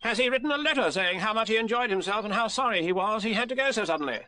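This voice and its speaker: Man as officious storybook rabbit, high-pitched, pompous, lively swooping intonation. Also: rapid-fire, slight background noise. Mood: self-important. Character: bossy, self-important male rabbit, brisk and officious.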